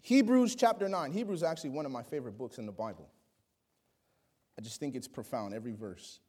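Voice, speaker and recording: A man preaching a sermon, swinging between loud exclamations and quiet asides and acting out the people he quotes. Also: medium pitch, quick pace, breathy edge. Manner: acts out quoted voices.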